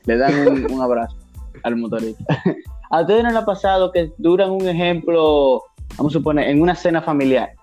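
Slightly high-voiced young Dominican man. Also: moderate pace, soft background music. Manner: slangy, animated explaining with acted-out examples. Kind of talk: casual chat.

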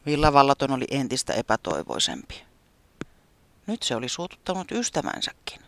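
A storyteller gently reading a children's story aloud, with an expressive, sometimes whispery delivery. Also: medium pitch.

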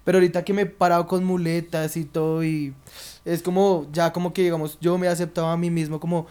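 A young comedian in his twenties with a high voice, chatting in a relaxed, slangy way. He mocks himself easily. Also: fast, clean tone. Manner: relaxed, slangy, self-mocking. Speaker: comedian, co-host. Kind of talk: casual chat.

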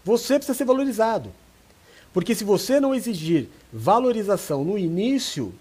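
Man, pastor, high voice, animated, acts out quotes, relationship advice chat. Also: slightly rough. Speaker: pastor and co-host.

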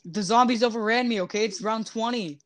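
A man chatting casually while playing a zombie game, joking and rambling, often trailing off softly. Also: high voice, fairly quick, no room sound. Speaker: gamer streaming zombie survival. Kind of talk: casual gaming chat.

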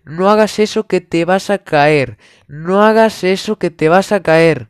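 A man's voice: high-pitched, measured pace, smooth, no room sound, clean studio sound. A young man playing a nagging, doting middle-aged mother in a comedy monologue. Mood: scolding.

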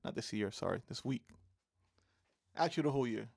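A man's voice: medium pitch, lively intonation, fairly quick, gravelly, darkish tone, no echo. A man co-hosting a casual fantasy football show, easygoing with lots of ums and playful team banter. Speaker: fantasy football podcast co-host. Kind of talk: casual sports chat.

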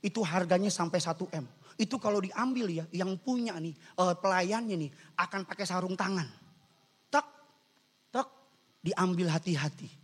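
A man preaching as a pastor, animated and joking, swinging from quiet asides to loud shouts. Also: high-pitched, normal speed. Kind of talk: sermon. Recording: long church-hall reverb.

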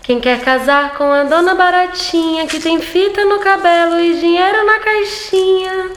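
A woman voicing an excitable little female cockroach in a children's story, with a dramatic, exclaiming delivery. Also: extremely high pitch, a little slow. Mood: eager, coquettish. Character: animated little female cockroach seeking a husband, easily startled. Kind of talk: children's audio story acting. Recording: echoey, long reverb, music behind.

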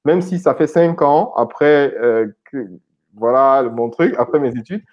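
A man from Cameroon, in his thirties, speaks at an ordinary middle pitch. He talks in a loose, hesitant way, full of fillers and restarts, as an interview guest. The audio sounds slightly dull and lo-fi. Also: a little slow. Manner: hesitant, many repeated words and fillers. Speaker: guest, IT consultant and founder. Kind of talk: casual interview conversation.

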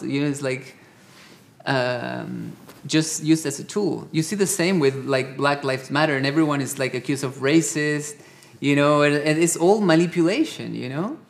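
A man's voice: on the high side, gravelly. A man from Colombia with a Colombian accent, talking casually as a guest, rambling with many fillers and growing heated. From South America. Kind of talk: casual conversation.

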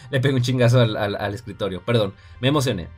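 A man's voice: mid-range voice, a little fast, faint music behind. A man with a Mexican accent hosting a casual film review podcast, talking chattily and often addressing his listeners directly. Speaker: podcast host.

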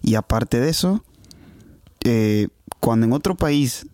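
A man with a Venezuelan accent co-hosts a casual chat, rambling through complaints and repeating words while he searches for the next one. His voice is mellow and warm at a medium pitch. The recording is dry and close. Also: expressive, slow, dry recording. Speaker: podcast co-host.

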